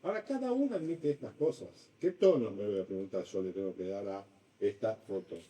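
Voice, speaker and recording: Animated lecturer heard from a distance. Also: male voice, lowish voice, brisk. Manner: animated, acts out examples with shifting voice. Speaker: university design lecturer. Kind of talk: classroom lecture. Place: lecture room.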